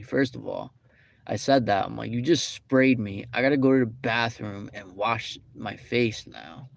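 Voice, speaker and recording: A man's voice: lowish voice, creaky, dry recording. A young man casually telling a rambling, indignant story with many fillers. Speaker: vlogger. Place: fast-food restaurant.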